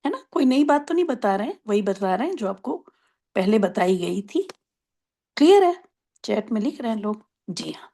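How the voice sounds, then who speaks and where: A woman teaching an online Arabic grammar class, explaining patiently, asking if everyone follows, and drawing out example words slowly. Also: medium pitch, sing-song, vocal fry, mellow. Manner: explains patiently, asks checking questions.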